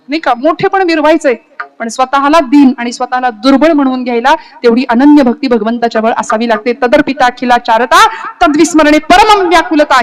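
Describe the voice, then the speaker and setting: A woman from Maharashtra preaching a devotional kirtan sermon, telling stories and asking rhetorical questions between quoted verses. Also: high-pitched. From Maharashtra, India.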